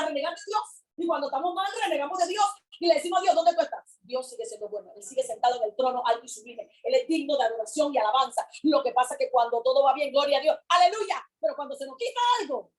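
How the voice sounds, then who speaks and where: Woman, high voice, fervent sermon, repeats phrases, loud then hushed. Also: poor audio. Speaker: preacher.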